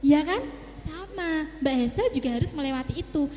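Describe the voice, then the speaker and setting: A woman with a very high, lively voice gives a parenting seminar, coaching mothers and acting out scenes between parent and child. Her voice rings through a hall with long reverb. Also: a little fast, slight background noise. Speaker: child psychologist speaker.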